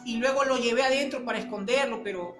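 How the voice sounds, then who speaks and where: Brief: woman putting on a small boy, complaining then confessing, slightly high, echoey room. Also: quick pace, over music, lightly acted. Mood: remorseful. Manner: pleading, complaining. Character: young boy, upset and guilty.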